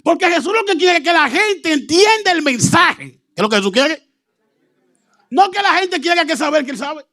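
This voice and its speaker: A man preaching a humorous teaching sermon, animated, laughing often and breaking into shouts. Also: very high voice, normal speed.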